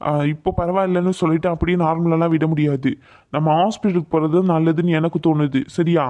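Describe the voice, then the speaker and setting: A man's voice: on the high side, flat delivery, fast talker, mellow, close to an everyday voice. A man voicing a caring young grandson who talks in an earnest, firm and coaxing way in a cartoon. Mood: concerned. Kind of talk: cartoon voice acting.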